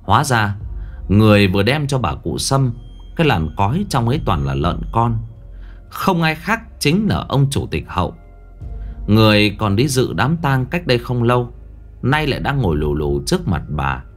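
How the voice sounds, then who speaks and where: A man narrating a ghost story in a lively, dramatic storytelling manner. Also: lowish voice, moderate pace. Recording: faint background music.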